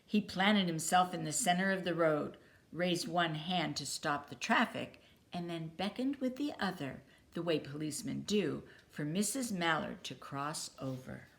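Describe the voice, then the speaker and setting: A woman reading a children's picture book aloud with expressive, deliberate phrasing. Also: deep voice, gravelly. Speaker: storybook reader.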